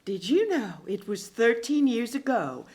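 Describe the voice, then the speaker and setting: A woman's voice: on the high side, very animated, measured pace, darkish tone. An actress playing a secretive mother who stammers and hesitates when pressed about the past, in an audio drama. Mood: evasive. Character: worried secretive mother of grown daughter.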